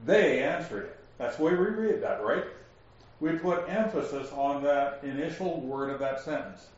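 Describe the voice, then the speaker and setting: A man teaching a Bible study, explaining verses slowly and asking his class questions. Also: a little high, darkish tone. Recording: echoey room, distant lo-fi mic.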